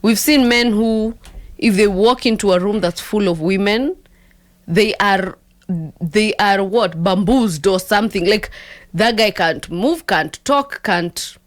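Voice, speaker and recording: A woman's voice: mid-range voice, unhurried, no echo. A woman with a Kenyan accent giving conversational relationship advice in a mix of English and Swahili, repeating phrases for emphasis. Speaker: talk show host giving relationship advice.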